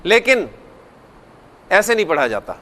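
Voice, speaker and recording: A man with a strikingly high voice teaches a grammar lesson. He walks through each rule step by step, says the key points twice and stops to ask the class questions. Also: big pitch swings, measured pace, bright, forceful tone. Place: classroom or studio lecture.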